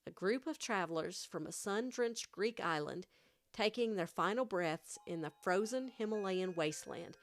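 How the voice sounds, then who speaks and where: Woman with a country accent telling a dark tale. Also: mid-range voice, lively intonation, moderate pace, no echo. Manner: hushed dramatic storytelling. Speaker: podcast host. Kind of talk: scripted spooky narration. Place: home studio. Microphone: studio mic.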